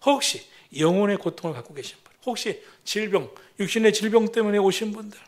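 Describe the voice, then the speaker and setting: A man preaching a sermon as senior pastor, rising to loud proclamations and dropping to hushed, near-whispered lines. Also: high voice, brisk.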